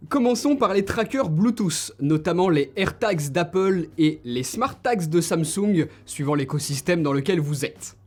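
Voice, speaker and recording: A man's voice: a little high, darkish tone. A young man recommending tech gifts straight to his viewers, enthusiastic and direct, talking to them informally. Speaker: tech reviewer. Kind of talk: tech gift recommendations to camera.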